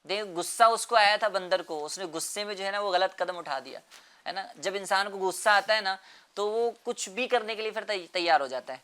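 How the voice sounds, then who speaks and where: A man's voice: high-pitched, pushed and bright, clear, resonant tone. A man explaining a moral lesson to children in an earnest way, repeating phrases and often checking with "right?".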